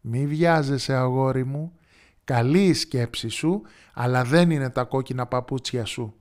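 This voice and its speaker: A man voicing a patient, loving mother in a children's storybook, coaxing and gentle. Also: mid-range voice, natural voice. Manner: gentle, coaxing, sing-song riddle reading. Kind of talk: storybook character voice.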